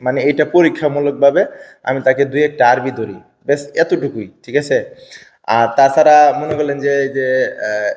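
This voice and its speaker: A man's voice: medium pitch, a little mellow, long reverb tail. A man talking casually and hesitantly to his viewers in a vlog, with many fillers and repeats. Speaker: vlogger.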